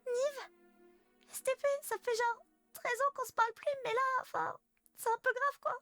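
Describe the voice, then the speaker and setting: A woman voicing a naive, excitable, pleading little princess sister in a childlike, earnest comedy-story voice. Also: extremely high pitch, moderate pace, no room sound, faint music behind, voice pushed up, exaggerated voice.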